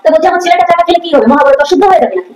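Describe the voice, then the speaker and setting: Animated high-voiced woman in a comedy skit. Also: racing, reverberant, poor audio. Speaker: mother-in-law in comedy skit.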